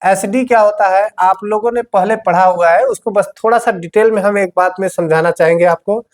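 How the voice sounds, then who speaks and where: A man's voice: sits high, brisk. A male teacher giving a board-exam grammar lesson, explaining patiently, repeating key words and speaking straight to his students.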